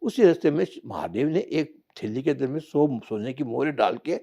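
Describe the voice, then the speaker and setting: A man telling a folk parable in casual, animated storytelling talk. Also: mid-range voice, normal speed, gravelly, highs cut off. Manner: animated folk-tale narration. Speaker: vlogger.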